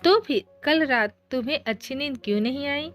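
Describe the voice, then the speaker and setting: A woman's voice: high voice, fairly quick, fairly bright tone, soft background music. A woman voicing Mu, a flustered teenage girl. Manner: indignant, easily embarrassed retorts.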